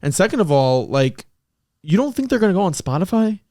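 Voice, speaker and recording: A man hosting a podcast in casual debate chat, animated and pushing his points with pressing questions. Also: high voice, fairly quick, dry recording, clean studio sound. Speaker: podcast host.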